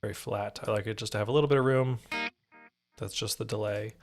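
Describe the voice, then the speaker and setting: A man's voice: fairly low pitch, fast. Casual man demoing guitar gear. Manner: relaxed, rambling, with fillers and self-corrections. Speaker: podcast host demoing guitar gear on a live stream. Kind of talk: casual live-stream gear demo.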